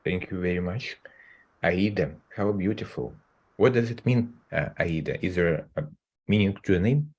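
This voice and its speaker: Man, panel moderator, courteous, very deep voice, husky. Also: normal speed. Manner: courteous, gently inviting. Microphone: video call.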